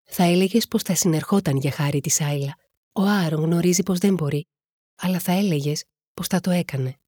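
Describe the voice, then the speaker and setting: Female audiobook narrator, husky and low, steady delivery, dry recording. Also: no room sound. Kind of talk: reading a novel aloud.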